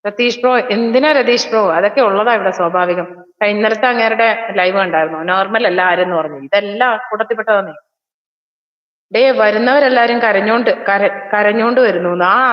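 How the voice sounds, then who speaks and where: Woman, livestream host, casual chat, teasing, quick bursts of talk, echoey room. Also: on the high side. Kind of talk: casual livestream chat, reading viewer comments. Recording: echoey, reverberant room, slightly dull sound.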